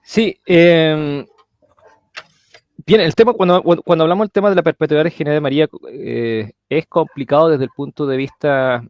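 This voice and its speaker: Chilean male guest, halting delivery, muffled lo-fi sound. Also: fairly high pitch, no echo. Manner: hesitant, searching for words, many fillers. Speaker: guest speaker. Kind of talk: live-stream religious discussion.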